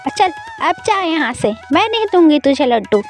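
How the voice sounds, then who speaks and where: A woman doing a shrill, nagging cruel stepmother. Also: very animated, normal speed, faint music behind. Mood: scolding. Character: cruel scolding stepmother, middle-aged woman.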